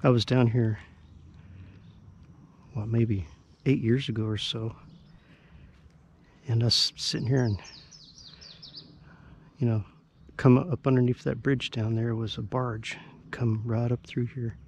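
A man with a gravelly Midwestern voice talks in an easygoing, chatty way, walking through each cast as he fishes. He sounds like he is outdoors by a river, recorded on a small camera mic. Faint birds and outdoor hiss sit behind him. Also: mid-range voice, steady tone, takes it slowly, long pauses, a little mellow. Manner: chatty, easygoing, explains as he goes. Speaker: fishing vlogger. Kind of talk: casual narration while fishing. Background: faint birds and outdoor ambience.

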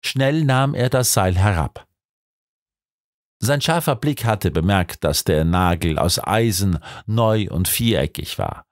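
A man narrating a detective audiobook in an expressive storytelling manner. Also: lowish voice, slow, no echo, clean studio sound. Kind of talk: scripted narration.

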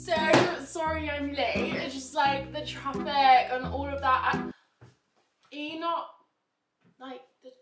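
A woman's voice: high-pitched, steady tone, slow pace, long pauses. A woman playing a vain, self-pitying young woman on a first date in a comedy sketch, talking in a dramatic, whiny way. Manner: dramatic, whiny, self-absorbed, fake-weepy. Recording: echoey room with loud music behind, from a distance.

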